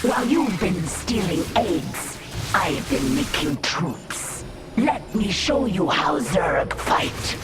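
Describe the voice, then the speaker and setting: A woman's voice: fairly low pitch, big pitch swings, slow pace. An actress voicing a haughty, vengeful alien brood mother in a video game, grandiose and threatening. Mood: menacing. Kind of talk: video game character acting. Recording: loud game music behind.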